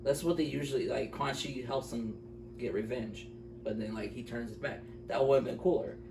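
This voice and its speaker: A gravelly, mid-range male voice with fairly even intonation and a moderate pace. He co-hosts a casual movie review chat, talking informally with strong opinions and often repeating himself to drive a point home. The recording sounds roomy, with a distant mic and faint noise.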